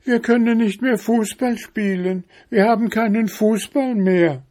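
A man voicing a group of little bear cubs in a storybook reading, wailing in a very high, whiny voice. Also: fairly even intonation, normal speed, vocal fry, darkish tone.

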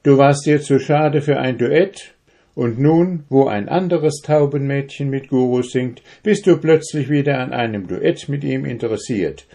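Man doing a bossy owl choir leader, loud and firm, storybook. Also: medium pitch, measured pace, voice pushed up. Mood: stern. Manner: firm, commanding. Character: stern commanding female owl choir leader.

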